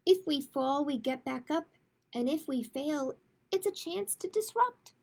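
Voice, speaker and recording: A high-pitched, creaky-voiced woman leads a children's storytime at a measured pace. She reads a picture book aloud, chats casually, and speaks with expressive emphasis.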